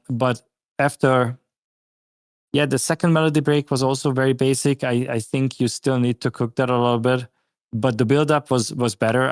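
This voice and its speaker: A man's voice: mid-range voice, no echo, clean studio sound. A man, a guest producer, giving direct, critical feedback on a listener's track with frequent "like" fillers. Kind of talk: live stream track review.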